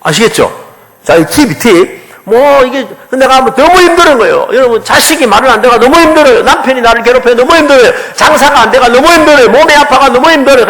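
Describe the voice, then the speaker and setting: A man's voice: extremely high pitch, fairly bright tone. A man preaching a sermon as a pastor, questioning the congregation.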